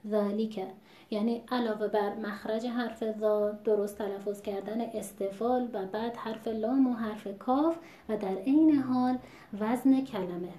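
A woman gives a recitation lesson in a patient, explanatory way, pausing to model words slowly. Her voice sits a little high and sounds mellow. The room adds a noticeable echo. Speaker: Quran recitation teacher. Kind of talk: spoken tutorial with recited examples. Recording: echoey room.

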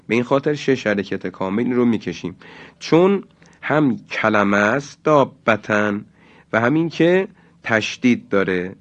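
Slow, deliberate male recitation teacher. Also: lowish voice. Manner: slow, deliberate, stretches example words. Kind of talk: religious lesson.

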